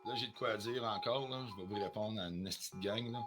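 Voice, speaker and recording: A man's voice: fairly low pitch, fairly quick, over music. A man with a Quebec French accent ranting on a live stream, confrontational and heated, swearing often and dropping in English phrases. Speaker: livestreamer.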